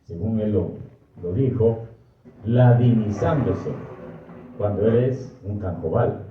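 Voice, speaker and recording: An older man, a priest from Guatemala with a Guatemalan Spanish accent, giving a slow, thoughtful personal talk and often correcting himself. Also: fairly low pitch, noisy background. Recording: distant, echoey, muffled hall recording.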